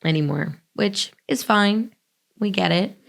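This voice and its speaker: An American woman with a hoarse, raspy, whispery voice that is nearly gone, chatting casually as a podcast co-host. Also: mid-range voice, unhurried. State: hoarse, losing her voice. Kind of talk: casual chat.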